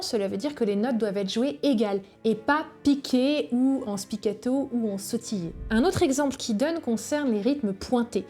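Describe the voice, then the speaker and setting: A woman with a fairly high but mellow, warm voice explains early-music performance in a calm, steady teaching manner. Now and then she hums rhythms on a single syllable to show a point. Faint music plays behind her. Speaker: cello teacher.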